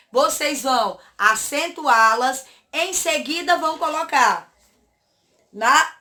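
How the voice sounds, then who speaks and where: A woman who teaches to children, going through a worksheet slowly and deliberately and checking often that the class remembers. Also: high voice, sharp tone. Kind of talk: worksheet lesson.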